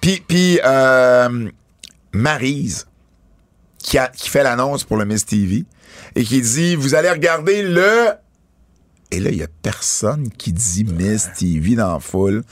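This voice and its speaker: A man with a Quebec French accent hosts a casual podcast, chatting in an animated, easygoing way. His voice sits in an ordinary middle register. The recording is close and dry, with no room sound. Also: mid-range voice, no echo. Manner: animated, quick asides, hosting the segment. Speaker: podcast host.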